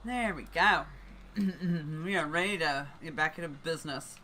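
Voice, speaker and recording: A young man streaming a video game, chatting casually and rambling between moves, often clearing his throat. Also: a little high, unhurried, pushed and bright, a little hiss or hum. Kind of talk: casual chat while gaming.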